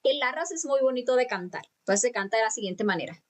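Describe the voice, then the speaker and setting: Woman spiritual teacher, slightly high voice, patient, drawn-out chanting, online lecture. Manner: calm, patient instruction with drawn-out chanted syllables; speaks directly to students, many fillers and restarts. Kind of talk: live online lecture on mantras. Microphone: computer mic for video conference.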